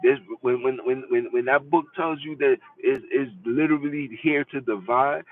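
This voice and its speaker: A man's voice: medium pitch, moderate pace. A man hosting a podcast in an impassioned monologue, emphatic and repetitive, preaching his points over and over. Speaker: podcast host. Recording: distant tinny phone-like audio with faint noise.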